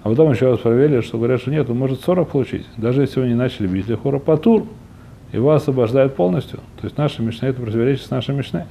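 Explaining and translating a religious text in an informal lesson, a man often hunts for words and rephrases, admitting he isn't fully fluent in Russian. His medium-pitched voice is warm and creaky, and he talks very fast. A little hiss or hum sits under the audio.

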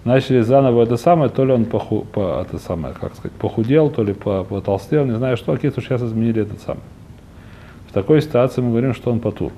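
Guy teaching talmud class, talks fast, kinda mellow, keeps rephrasing and hunting for words, bit of rumble. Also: expressive. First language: not a fully fluent Russian speaker by own account. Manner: searching for words, repeats and rephrases himself. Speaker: religious teacher. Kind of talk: informal Talmud lesson, explaining and translating.

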